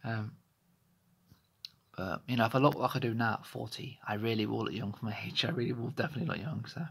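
This man in his thirties speaks at a quick pace in a mid-range voice with vocal fry, a fairly bright tone and a breathy edge. His candid personal vlog, shot on a phone close to his face in a small bedroom, is hesitant and rambling with frequent restarts.

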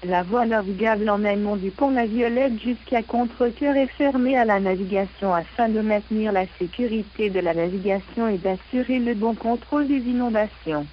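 A woman reading navigation warnings in a measured, even announcer delivery over a VHF marine radio broadcast. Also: mid-range voice, highs cut off, slight background noise.

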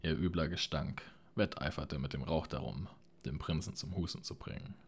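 A man reading a fantasy audiobook in a steady, measured storytelling manner. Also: a bass voice, slightly rough. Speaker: audiobook narrator. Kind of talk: scripted audiobook narration.

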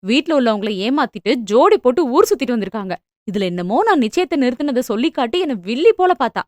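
A woman voicing a spiteful young woman who mocks her younger sister in fast, scornful speech. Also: a little high, sing-song, a little mellow, dry recording, clean studio sound. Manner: mocking, quick, scornful.

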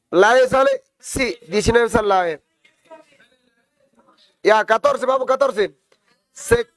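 A man's voice: very high-pitched, dry recording. A man with a Peruvian Spanish accent teaching chemistry in a class, working through problems while joking with and teasing his students. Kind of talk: online class lecture.

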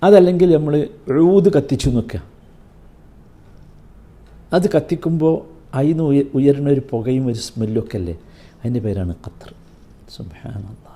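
A man teaching a Quran commentary class, keeps asking his listeners rhetorical questions and recites Arabic slowly and carefully. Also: mid-range voice, warm tone.

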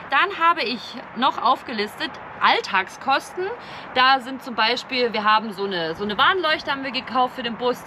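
Young woman, high voice, casual vlog to camera, outdoor street noise clearly audible behind. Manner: chatty, lists figures step by step. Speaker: vlogger. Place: outdoors on a street, seated in an open van boot. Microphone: camera at a few metres.

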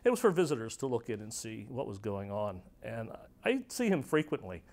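A man, a former student, telling a story in an interview with animated quotes. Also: medium pitch, fairly quick. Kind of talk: anecdotal interview.

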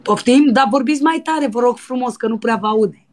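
A woman putting on a brazen, lustful young dancer in a prank phone call, pushy and breathy. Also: on the high side, darkish tone, natural voice. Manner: pushy and breathy, with crude demands. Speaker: prank caller.

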